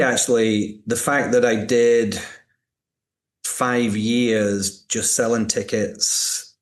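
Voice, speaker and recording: A man in his fifties with a Northern English accent softened by American, telling his own story reflectively as an interview guest, often repeating words as he goes. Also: on the low side. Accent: Northern English softened by American, transatlantic. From Northern England. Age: 50s. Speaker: podcast guest, museum director. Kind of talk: conversational interview, personal storytelling.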